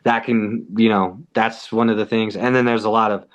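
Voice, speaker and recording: A man's voice: lowish voice, little pitch movement, moderate pace, dull audio. A man from the US–Mexico border region, a podcast guest, telling a story in a loose, slangy way, full of "like" and swearing. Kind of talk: casual storytelling.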